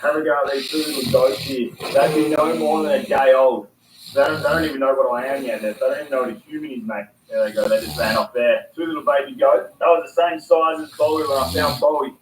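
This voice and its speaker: A man giving excitable, slangy fishing commentary outdoors by the water. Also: mid-range voice, quick pace. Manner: excitable, exclaiming loudly, slangy. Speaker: fishing vlogger. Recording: distant, echoey outdoor sound with noise.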